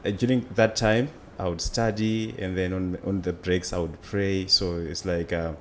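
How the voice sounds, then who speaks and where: A student entrepreneur in his twenties with a Zimbabwean accent tells his story conversationally as an interview guest. His low-pitched voice stays steady at a moderate pace, with slight background noise.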